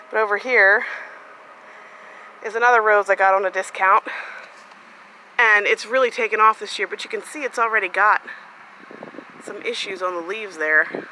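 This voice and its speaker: A woman's voice: mid-range voice, sharp tone, slight background noise, poor audio. A woman chatting casually as she walks through her garden outdoors, talking into a handheld phone camera with plenty of fillers. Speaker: gardening vlogger. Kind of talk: casual walk-through vlog. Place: outdoors in a sunny home garden.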